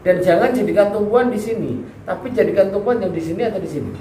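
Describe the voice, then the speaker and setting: High-voiced man teaching in an echoey hall. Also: quick pace, mellow. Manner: patient, asks students questions, demonstrates sounds. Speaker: Quran recitation teacher. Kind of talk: tahsin lesson on letter articulation. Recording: echoey room, background noise.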